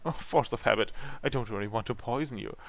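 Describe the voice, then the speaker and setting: A man's voice: medium pitch, fairly quick, creaky, lightly acted. A man voicing a flirtatious exiled female devil while reading game dialogue aloud, with a slight lift in his voice. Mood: coaxing.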